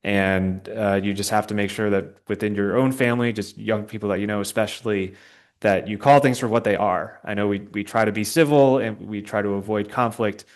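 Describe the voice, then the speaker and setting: A young adult man speaks as a guest, offering informal political answers to questions, somewhat halting while he searches for words. His pitch is fairly low and his intonation fairly even.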